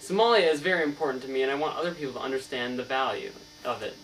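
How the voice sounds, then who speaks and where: Speaking rapid-fire in a medium-pitched, slightly bright voice close to his everyday one, a student portrays an earnest, scholarly novelist in a scripted mock interview. He explains formally, as if reciting, stumbling now and then. The mic sits at a distance and mains hum is clear.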